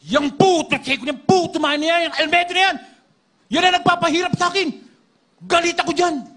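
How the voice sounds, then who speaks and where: A man voicing a hostile demon that speaks through a possessed man, with a big booming voice and a spiteful, mocking manner. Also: fairly even intonation, moderate pace, a bit bright, close to an everyday voice. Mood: furious.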